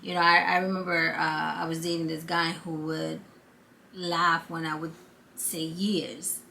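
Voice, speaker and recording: Woman, Brooklyn accent, heavy vocal fry, lowish pitch, earnest encouraging vlog chat, faint background noise. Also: flat delivery, unhurried, pushed and bright. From born in Guatemala, lived in Brooklyn, New York for many years. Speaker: vlog host, former counselor. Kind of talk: casual motivational chat to viewers.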